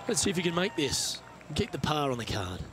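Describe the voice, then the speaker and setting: A man's voice: fairly high pitch, sing-song, brisk, over a noisy crowd, very noisy. A man working as a golf commentator, giving play-by-play of the round.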